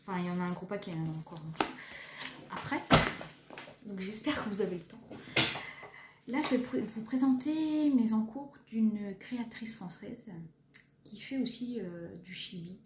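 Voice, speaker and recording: A woman's voice: mid-range voice, lively intonation, a little slow, long pauses. A woman in her thirties from France, chatting casually with lots of fillers as she shows her cross-stitch projects. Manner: chatty, hesitant, many fillers, self-deprecating. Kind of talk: casual show-and-tell chat. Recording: echoey room, faint background noise.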